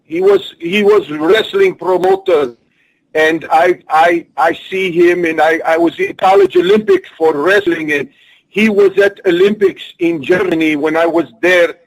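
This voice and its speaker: A man speaks, answering in broken English. He keeps a booming wrestling persona and a fairly high voice. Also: wildly swooping pitch, a little slow, creaky, low-quality recording. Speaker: wrestler guest. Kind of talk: in-character interview answers.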